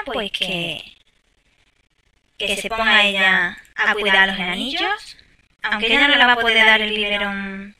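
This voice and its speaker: A woman's voice: mid-range voice, bright, forceful tone, far from the mic. A woman giving casual gameplay commentary, chatting to viewers with exasperated asides. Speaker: gameplay streamer.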